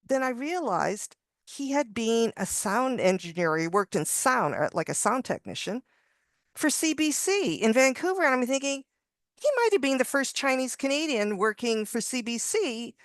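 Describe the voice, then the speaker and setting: Speaking on a video call as a contributing author on a panel, a woman relates a story in a chatty, rambling way, often restarting and laughing lightly. She has a mid-range voice, and the audio is studio quality with no echo.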